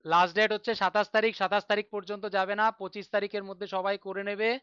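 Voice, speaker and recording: Male teacher, bright and crisp, patient explainer who chants drills; dry, dull lo-fi sound. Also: high voice, flat delivery, very fast, no echo. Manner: patient, reassuring, recites syllables in a chant. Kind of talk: online grammar class.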